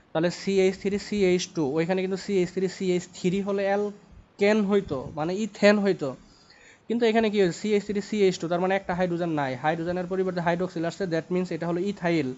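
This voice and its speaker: A man's voice: high-pitched, steady tone, fast talker, a little mellow. A young man teaching chemistry, repeating points and checking in with tag questions. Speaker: chemistry tutor. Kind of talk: lecture at a whiteboard. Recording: dull lo-fi recording.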